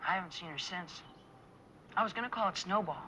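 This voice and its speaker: Bright-voiced, glum, wry boy. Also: high-pitched, a little fast, a little hiss or hum. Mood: sad, wistful. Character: downcast, wry boy who misses his mother. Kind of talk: 1970s TV drama acting.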